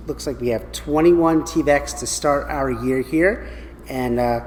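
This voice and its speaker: An American man giving school morning announcements and reading out student awards, speaking directly and encouragingly to children. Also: mid-range voice. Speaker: school principal or staff announcer. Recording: reverberant hall with background noise.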